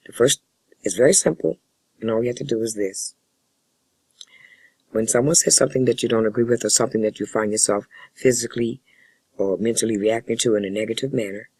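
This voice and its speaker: A man speaking as a family therapist in a role-play session, with a husky voice and measured, formal, wordy phrasing. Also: medium pitch, darkish tone, dry recording, rough recording. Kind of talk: spoken counseling role-play demonstration.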